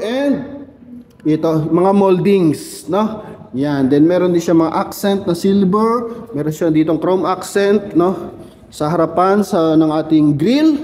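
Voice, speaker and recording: A chatty car salesman with a high, mellow voice talks viewers through a vehicle in a showroom. His words ring out with a long reverb off the hard walls, and he keeps tagging his sentences with little questioning asides. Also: slight background noise.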